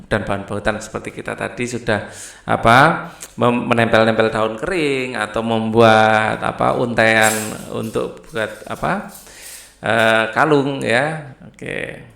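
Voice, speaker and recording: A man's voice: mid-range voice, vocal fry, fairly bright tone, roomy sound. A man, patiently walking young pupils through a textbook lesson, checking in with many "ya"s. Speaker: teacher. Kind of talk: explaining a primary school textbook.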